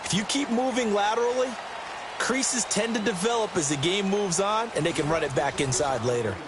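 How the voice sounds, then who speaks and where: A man's voice: high-pitched, expressive, moderate pace, crowd noise. A man playing a folksy color analyst in football video game commentary, explaining plays with emphasis. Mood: explanatory. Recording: clear stadium noise behind the voice.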